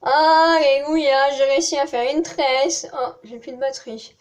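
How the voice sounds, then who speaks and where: A young woman with a southern French accent chats casually with her vlog audience at normal speed, her voice sitting high. She rambles, pokes fun at herself, and laughs often.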